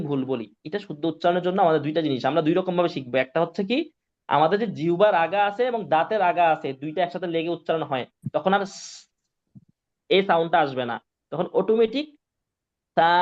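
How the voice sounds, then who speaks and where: A male Quran teacher with a slightly high, somewhat mellow voice talks quickly while leading a live online pronunciation lesson. He's patient and repeats himself, frequently checking that students are following, and the audio is dull and lo-fi.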